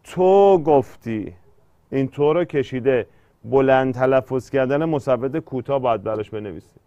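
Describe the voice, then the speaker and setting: A man's voice: mid-range voice, a little mellow, dry recording, dull audio. A man teaching an exam-prep poetry lesson, explaining step by step and drawing out syllables when he scans verse.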